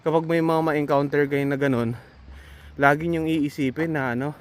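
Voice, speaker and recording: A man's voice: a little high, fairly even intonation, normal speed. A Filipino man giving casual, earnest advice to fellow nurses in a vlog, reassuring and full of hesitant fillers.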